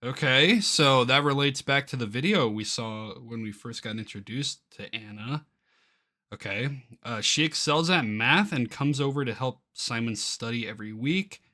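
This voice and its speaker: Bright and forceful at medium pitch, an excitable man moves at a moderate pace through a game's crowdfunding page, reading it aloud. As a YouTuber giving casual reactions, he is easily incredulous and exclaims often.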